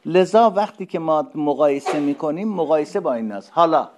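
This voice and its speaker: A man giving a lecture, asking questions and answering them himself, and spelling out word forms slowly. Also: fairly high pitch, darkish tone. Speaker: teacher. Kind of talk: lecture on Arabic grammar.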